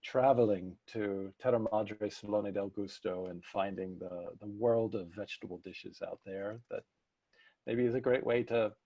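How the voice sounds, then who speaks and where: A man's voice: fairly low pitch, fairly even intonation, moderate pace, warm tone, no room sound, highs cut off. A man co-hosting an online cooking session, talking with enthusiasm and reflection over a video call. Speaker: webinar co-host. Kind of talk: casual online talk.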